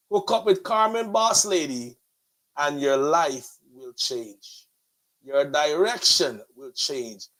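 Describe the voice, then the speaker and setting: Through a rough recording comes a very high male voice with a Guyanese accent. He's the pastor hosting a motivational online show, preaching with emphatic, flowery rhetoric and plenty of repetition.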